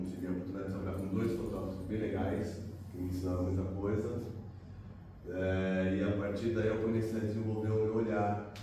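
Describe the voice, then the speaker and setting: A man's voice: sits low, mellow, slight background noise. A middle-aged man from São Paulo with a Paulista accent, a guest photographer talking casually and rambling with many fillers, recorded from a distant mic in an echoey room. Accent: Paulista Brazilian Portuguese. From São Paulo, Brazil. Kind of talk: casual talk at a club meeting.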